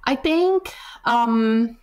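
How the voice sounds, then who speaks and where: A woman in her thirties from Singapore answers interview questions over a video call, speaking through a headset in a home office. She talks thoughtfully, pausing with fillers and restarting her sentences as she works through ideas. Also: a little high, expressive, a little mellow, smooth. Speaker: guest psychologist.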